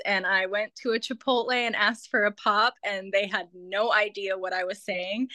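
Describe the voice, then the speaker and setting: Giggly Minnesotan woman, bright voice. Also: on the high side, no room sound. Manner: giggly, playful and flirty. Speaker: podcast guest. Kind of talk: casual chat.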